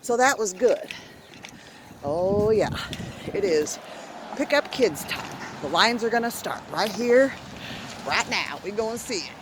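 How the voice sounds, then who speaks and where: With background noise behind her, a medium-pitched, animated middle-aged woman from Arizona chats through a walking vlog outdoors around her neighborhood. She's winded, encourages herself as she goes, and takes breathy pauses between phrases, all recorded on a handheld phone camera.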